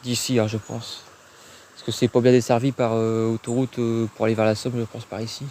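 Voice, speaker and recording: A man talks casually into a handheld phone as he explores outdoors. His voice is dark and mellow, and he thinks aloud with frequent hesitations. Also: medium pitch, completely flat delivery, a little fast, a little hiss or hum. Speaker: urban explorer live-streaming. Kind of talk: live-stream exploration commentary. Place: outdoors at an abandoned industrial site.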